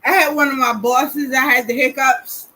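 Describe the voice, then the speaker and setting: A woman's voice: high-pitched, steady tone, a little slow, sharp tone, low-quality recording. A woman, chatting casually at home and chiming in with short remarks as co-host. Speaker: vlog co-host. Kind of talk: casual chat.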